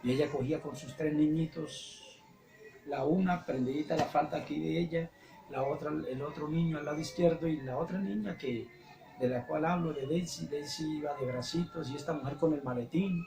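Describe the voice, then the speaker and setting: A man's voice: on the high side, normal speed, gravelly. A man with a Colombian accent giving an earnest religious testimony, repeating phrases as he recounts. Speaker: testimony speaker. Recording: echoey room with background music.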